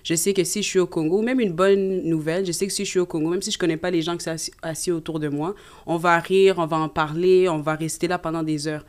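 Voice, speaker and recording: A woman talks as a guest in a relaxed interview. She speaks fast and with energy, spinning anecdotes one after another. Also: lowish voice. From Canada. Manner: animated, tells anecdotes. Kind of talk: casual interview chat.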